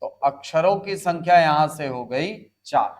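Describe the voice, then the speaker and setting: Slow, coaxing male teacher. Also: fairly high pitch. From India. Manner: slow, deliberate spelling out and counting aloud; coaxes students with short prompts. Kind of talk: classroom lecture.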